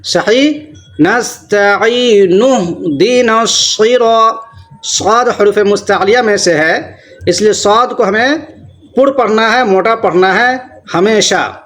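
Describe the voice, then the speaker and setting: A man teaching tajweed in Urdu, switching between quick, stern explanations of common mistakes and slow, drawn-out chanted recitation. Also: sits high, fairly bright tone. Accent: Pakistani Urdu.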